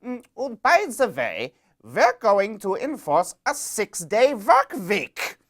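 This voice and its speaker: A man voicing a smug male German occupying officer who announces things slowly and drawn out. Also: high-pitched, huge pitch swings, a bit bright, pitched above the performer's own voice, exaggerated voice.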